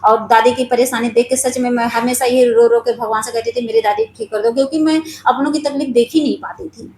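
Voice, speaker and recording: A woman with a high voice tells a personal spiritual story in an earnest, confiding manner. She speaks straight to her viewers. The room has a clear echo and a faint ambient hum behind her. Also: steady tone, a little fast, darkish tone.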